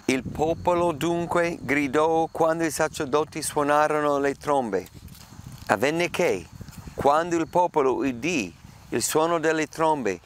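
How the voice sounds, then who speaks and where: A man's voice: a little high, slight background noise. A man preaching a sermon and explaining a Bible passage in an earnest, emphatic way. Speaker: pastor.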